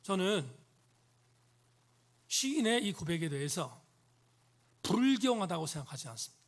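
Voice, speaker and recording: A man pastor preaching a sermon in a church, emphatic, often dropping into hushed, near-whispered tones. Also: high-pitched, sing-song, measured pace. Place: church sanctuary.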